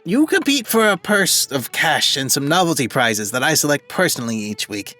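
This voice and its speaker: A man's voice: fairly high pitch, very animated, normal speed, bright, forceful tone, soft background music, voice pushed up. A man voicing a friendly Scottish woman pub landlady, chatty and welcoming, while reading game dialogue aloud.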